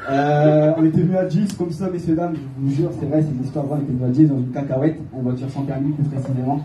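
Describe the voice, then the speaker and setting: A man's voice: on the high side, steady tone, quick pace, warm tone. A young man from Calais with a northern French accent, doing a rambling stand-up set in a comedy club. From Calais, northern France. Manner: rambling, hesitant with frequent filler sounds. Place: comedy club stage, heard from the audience. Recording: echoey club audio from a distant mic. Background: audience laughter and room noise.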